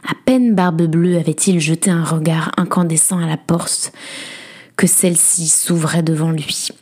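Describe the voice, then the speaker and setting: A woman host reading a dark fairy tale aloud in a soft, breathy, often whispered storytelling voice. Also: deep voice, steady tone, moderate pace. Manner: hushed, dramatic.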